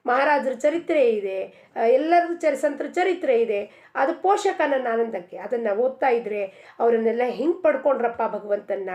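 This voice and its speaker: A woman's voice: sits high, darkish tone. A woman giving an earnest devotional discourse, asking many rhetorical questions. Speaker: spiritual speaker.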